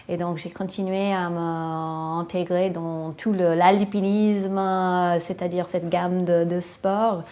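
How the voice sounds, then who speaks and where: A woman's voice: fairly low pitch, little pitch movement, slow, hardly any pauses, dark tone. Hesitant woman speaking French. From western United States. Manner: hesitant, frequent fillers, searching for words in a second language. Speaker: interviewee. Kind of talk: casual personal account.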